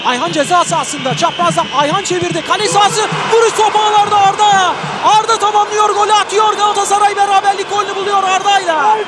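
Male football commentator, very high-pitched screaming play-by-play over a loud stadium crowd. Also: fast, hardly any pauses, heavy background noise. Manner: screaming excitedly on big chances and goals. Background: roaring football stadium crowd.

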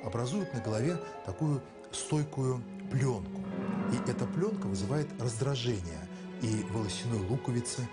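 A man in his sixties, a professor, explaining haltingly in an expert interview. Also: medium pitch, lively intonation. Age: 60s. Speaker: chemistry professor. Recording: loud music behind voice.

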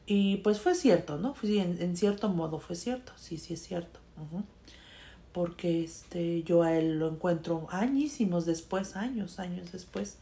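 A Mexican woman telling a personal story in a casual, conversational way, with frequent fillers and a voice that trails off softly. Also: fairly low pitch, unhurried. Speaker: storyteller sharing a personal experience.

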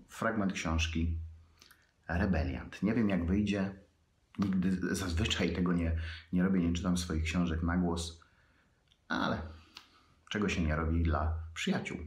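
The author, a man with a very deep voice, reads his fiction in an echoing room. He moves slowly and evenly, leaving gaps between phrases.

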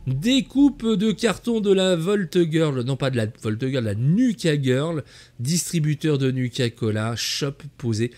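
A fairly high-pitched man gives an eager, chatty tour of a video game build. He addresses his viewers as "the kids" and keeps up a steady, admiring commentary. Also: a little slow. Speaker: host of a game channel.

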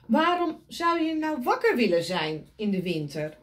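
A woman's voice: fairly high pitch, sing-song, measured pace. A woman voicing a grumpy, sleepy male turtle in a read-aloud picture book, grumbling and mumbling curtly.

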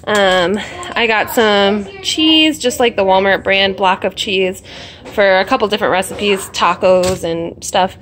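This vlogger, a young woman in her kitchen, talks a little slowly in a medium-pitched, slightly bright voice. Filming on her phone, she rambles through a casual grocery haul chat full of fillers and jokes at her own expense.

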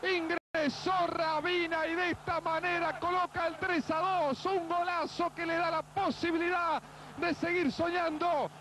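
This is a male football commentator. His voice rides very high and emphatic as he calls the play live. Clear noise sits behind him, as on an old TV broadcast. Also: unhurried. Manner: excitable, emphatic. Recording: noisy old television broadcast. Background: clear stadium noise.

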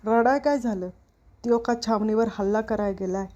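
A woman voicing a proud, quick-tempered old village grandfather in a storybook reading, with rustic, gruff speech. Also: fairly high pitch, dark tone, natural voice. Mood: irritated.

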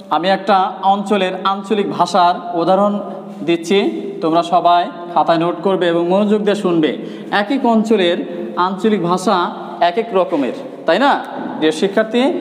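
A male teacher from Bangladesh giving a grammar lesson, repeating key points and asking the students rhetorical questions. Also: high voice. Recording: echoey room with long reverb.

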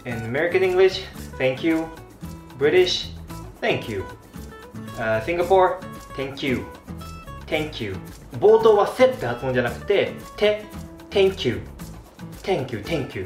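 Lively man vlogging in an echoey room. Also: mid-range voice. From Japan. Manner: animated, demonstrates pronunciations, chuckles often. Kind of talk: casual talk to camera. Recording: echoey room, faint background music.

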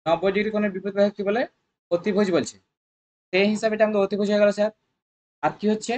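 A quick, energetic math tutor, running an exam-prep lesson at a brisk pace. The voice sits at a middle pitch and keeps up a constant call-and-response, asking students to supply each answer and coaxing them along with repeated prompts. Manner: coaxing, repetitive. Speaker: math tutor at a coaching centre.

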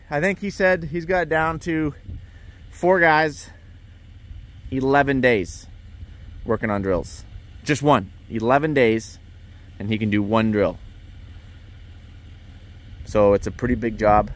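Chatty farmer talking outdoors. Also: male voice, mid-range voice. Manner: chatty, explains farm equipment plainly. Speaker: farmer vlogger. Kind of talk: casual walk-through vlog. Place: outdoors on a farm yard beside machinery.

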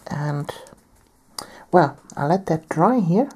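A woman from Germany, talking softly through a painting tutorial while she has a cold and keeps clearing her throat. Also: deep voice, expressive, slow. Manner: soft-spoken, often near a whisper. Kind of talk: step-by-step tutorial narration.

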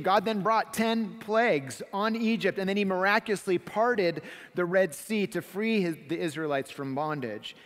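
A middle-aged man preaching a sermon from a church pulpit, explaining the text calmly and building to dramatic swells as he describes vivid scenes. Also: high voice. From United States. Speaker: pastor. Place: church stage behind a wooden pulpit. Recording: long hall reverb of a sanctuary.

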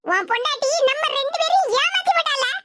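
A woman voicing a sharp-tongued, scolding village mother-in-law in a cartoon, with a Tirunelveli Tamil accent. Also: expressive, fast talker, noisy background. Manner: scolding, shrill and taunting. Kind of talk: cartoon voice acting.

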